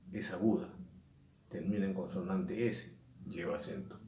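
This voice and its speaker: Man, teacher, mellow voice, faint room hiss. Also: on the low side. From Peru. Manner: slow, repetitive explaining, stressing key words. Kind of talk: recorded lesson. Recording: echoey room, mic at a distance.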